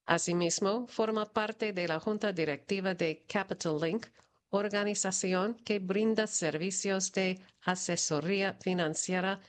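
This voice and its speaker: Woman reading the news slowly. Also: mid-range voice. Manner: measured, even reading of prepared copy. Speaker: news reader. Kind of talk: read news report.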